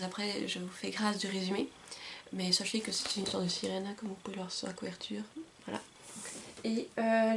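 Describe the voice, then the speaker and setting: A young woman with a gravelly, fry-tinged voice chats through her monthly book review at an ordinary middle pitch. She talks with eager enthusiasm and often pauses to hesitate. The sound is from a camcorder in a shuttered room. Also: a little hiss or hum. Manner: chatty and enthusiastic, with many hesitations. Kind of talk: casual book review vlog. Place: indoor room with blinds closed.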